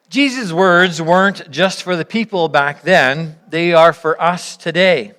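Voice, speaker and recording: A church speaker leads an interactive service, guiding her congregation through a reflective sermon in measured, earnest phrases that she often breaks into short pieces. She asks rhetorical questions and pauses between points. Her voice is low-pitched and a bit bright.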